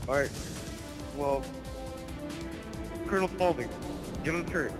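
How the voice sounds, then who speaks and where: Some guy playing a panicky bossy army captain in a homemade game movie, urgent orders, pitch all over the place. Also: very animated, normal speed, close to an everyday voice. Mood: commanding. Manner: urgent, barking repeated orders. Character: frantic, bossy male army captain in space combat. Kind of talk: amateur game machinima acting. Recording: music behind, game vehicle sounds.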